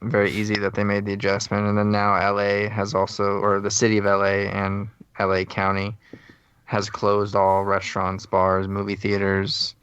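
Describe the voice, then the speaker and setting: A man's voice: on the low side, completely flat delivery, normal speed, fairly bright tone, smooth, no echo, lo-fi sound. A man co-hosting a podcast in casual, conversational chat. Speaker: podcast co-host.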